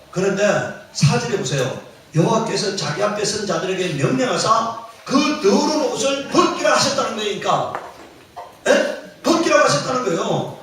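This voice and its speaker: A man's voice: very high voice, fairly bright tone. A man preaching a sermon as pastor, quizzing the congregation and repeating key phrases with emphasis. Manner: call-and-response questioning of the congregation. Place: church sanctuary. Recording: very echoey church hall, mic at a distance.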